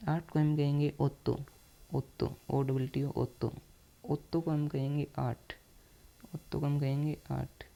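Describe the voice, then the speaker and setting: A man's voice: a little high, creaky, warm tone. A man teaching a beginner language lesson, who repeats each word several times and spells out its letters. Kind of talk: slow, repetitive counting lesson.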